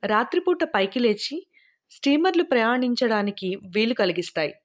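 A woman's voice: a little high, big pitch swings, normal speed. A woman reading a friendly female tour guide who informs her group, in audiobook style. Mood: informative. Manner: informative, announcing.

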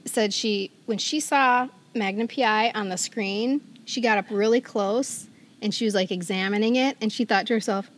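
A middle-aged woman co-hosts a podcast, her mid-range voice moving at a moderate pace over slight background noise. She chats casually and reads quiz questions aloud with a playful, theatrical quizmaster flair.

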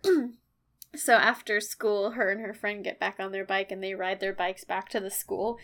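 A woman's voice: medium pitch, steady tone, moderate pace, a bit bright. A young woman co-hosting a podcast, casually retelling a story and acting out the characters' lines. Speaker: podcast co-host.

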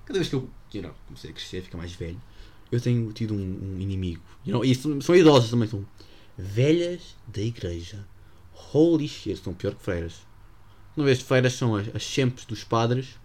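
A man's voice: mid-range voice, expressive, brisk, mellow. Teen guy, european portuguese accent, jokey rambling solo podcast, english slang thrown in. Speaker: podcast host. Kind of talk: casual solo podcast monologue.

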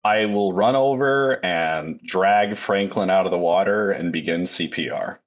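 Low-voiced terse male player. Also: measured pace. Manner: terse, matter-of-fact. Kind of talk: casual tabletop play.

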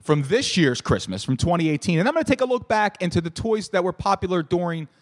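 A man in his thirties with a hoarse, shot voice, hosting a casual show solo in a halting, jokey, self-correcting way. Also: sits high, big pitch swings. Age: 30s. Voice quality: hoarse, worn-out voice. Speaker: solo host of a fantasy football show.

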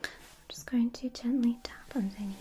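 A woman in a whispered role-play as a spa therapist, speaking in a soft, soothing, attentive whisper. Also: a little high, fairly even intonation, moderate pace.

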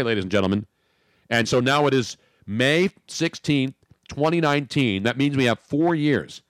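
A man's voice: medium pitch, no room sound, clean studio sound. A man hosting a sports radio talk show, joking and ranting in casual banter with his co-host. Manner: brash, joking, animated rants.

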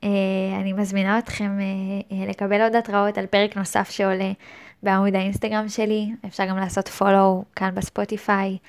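A woman's voice: medium pitch, little pitch movement, clean tone. A woman hosting her own podcast, speaking in a thoughtful, hesitant monologue with frequent restarts. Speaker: podcast host. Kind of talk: reflective solo monologue.

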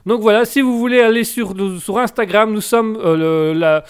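A man's voice: high voice, moderate pace, smooth. A man hosting a live web radio call-in show, addressing his listeners in a formal announcer manner while rambling through repeated restarts.

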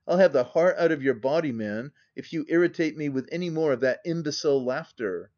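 A man voicing a brutal, drunken, bullying gentleman who barks out commands, heard on a dull, lo-fi recording. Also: fairly high pitch, fairly quick, lightly acted. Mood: raging. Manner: loud, harsh, barking commands.

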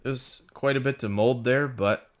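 A man's voice: medium pitch, steady tone, unhurried. A man co-hosting a casual football mock draft chat, teasing and giving laid-back analysis.

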